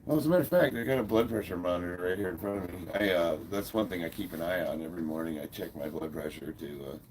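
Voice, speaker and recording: A livestream host in his fifties, with a very low, deep, gravelly voice that's a little stuffed up and slightly mellow, talks fast and laid-back. He reads viewer comments and chats easily from his computer mic at home, chuckling often and filling gaps with lots of loose fillers. A faint hum of room noise sits behind him.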